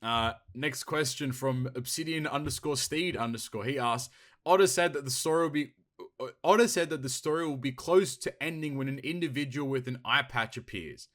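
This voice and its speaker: A man's voice: medium pitch, normal speed, a bit bright. A young man hosting a casual podcast, reading listener questions aloud and joking around with crude language. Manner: profane, laughing, reads listener questions aloud. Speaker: podcast host. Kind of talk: casual chat.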